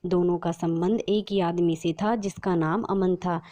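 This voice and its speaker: A woman telling a moral story in steady scripted narration. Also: on the low side, measured pace, dull audio.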